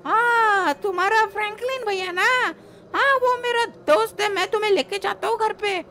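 Woman putting on a shrill sly ghoul lady. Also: moderate pace, bright, forceful tone, a little hiss or hum, heavily acted. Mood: sly coaxing. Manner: falsely sweet, then gloating. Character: menacing female ghoul, the dancing lady.

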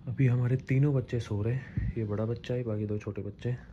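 A young man, the father of infant twins, talking softly and slowly in a casual home vlog so the babies can sleep. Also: mid-range voice, steady tone, muffled recording, background noise.

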